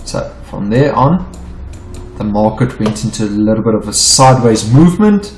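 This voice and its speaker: A middle-aged South African forex trading teacher, Afrikaans being his first language, goes through trading charts in an unedited screen-share lesson. His voice sits on the low side with lively intonation at normal speed, and he stumbles and repeats himself while explaining. The sound is roomy with a little hiss or hum.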